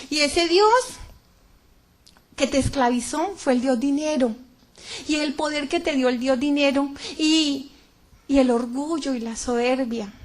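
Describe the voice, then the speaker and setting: A solemn divine voice, as a woman puts it on. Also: high-pitched. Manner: firm, solemn reproach. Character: gentle divine voice judging a woman.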